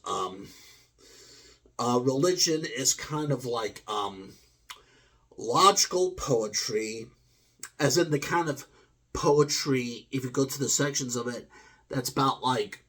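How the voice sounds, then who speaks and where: A man's voice: mid-range voice, breathy edge. A man giving a rambling, hesitant video game review, full of fillers and restarts as he wanders between thoughts. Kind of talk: rambling spoken review monologue.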